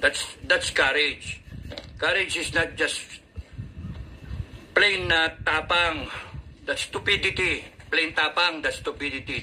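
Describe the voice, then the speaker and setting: A man's voice: fairly high pitch, pushed and bright, a little hiss or hum. A man in an angry, swearing political rant, mixing English into his talk. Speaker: political commentator.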